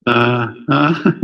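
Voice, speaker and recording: A man on a recorded prison phone call, agreeable and chuckling, giving brief replies. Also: medium pitch.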